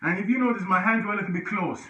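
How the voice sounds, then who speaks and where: Rapid-fire, bright, and forceful, this high-sitting male voice belongs to a fitness instructor running a home workout. He chats and cheers listeners on, occasionally breathless and grunting between exercises, in an echoey room captured by a far-from-dull mic.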